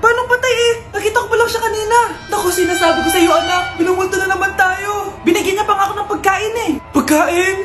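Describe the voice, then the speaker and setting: Brief: very high-voiced woman, over-the-top skit acting, shrieks and shouts. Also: quick pace, hardly any pauses, roomy sound, over loud music. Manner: shrill, dramatic, often shouting. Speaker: comedy skit creator.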